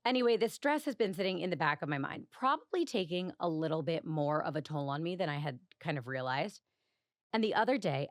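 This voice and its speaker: A woman hosts her own podcast alone, telling a personal story in a chatty, confessional way, saying "like" a lot and laughing lightly often. Her voice is on the low side, and the clean studio sound has no echo.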